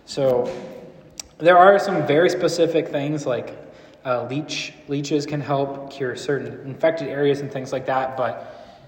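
A man's voice: medium pitch, unhurried. A man teaching a group in a casual, rambling way, often asking the room questions. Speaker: church speaker teaching a series. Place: large room with a live audience. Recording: echoey hall with long reverb.

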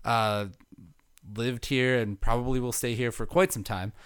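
A man's voice: medium pitch, fairly even intonation, measured pace, fairly bright tone, clear, resonant tone. A young man from Milwaukee chatting casually as a guest, easygoing, with many fillers and restarts. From Milwaukee, Wisconsin. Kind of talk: casual chat.

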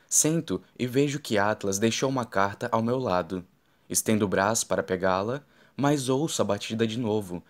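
A man narrating a novel in the first person, with steady, even reading. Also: fairly low pitch. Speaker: audiobook narrator.

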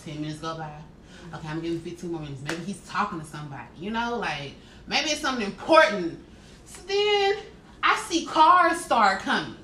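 A woman's voice: medium pitch, brisk. A woman telling a story in casual chat as a podcast co-host. She retells it with exasperation and acts out what people said. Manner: animated, exasperated retelling with quoted voices. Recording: echoey room with faint noise.

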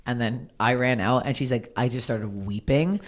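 A comedian from Canada, a woman, chatting candidly on a podcast in a blunt, profane, animated way. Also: a bass voice, moderate pace. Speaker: stand-up comedian, guest.

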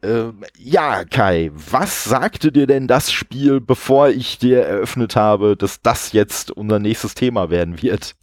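A man's voice: mid-range voice, expressive, slow pace, hardly any pauses, no echo, studio quality. A man in his forties hosting a casual podcast about retro games, chatty, with lots of fillers. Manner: chatty, many fillers, laughs often. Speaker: podcast host.

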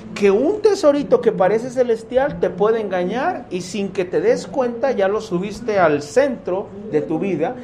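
A man with a Mexican accent teaching a youth Bible class, lively and constantly checking in with his listeners. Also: high voice, background noise. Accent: Mexican Spanish. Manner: animated, keeps asking "¿sí?" to check his listeners. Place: room with a live class.

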